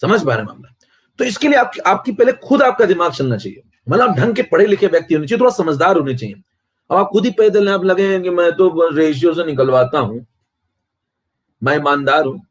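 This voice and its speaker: Guy teaching chem on a live stream, kinda high voice, cocky, keeps asking if u get it. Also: animated, a little fast. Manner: boastful, keeps asking students if they follow. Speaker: chemistry teacher. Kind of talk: live-streamed online lecture.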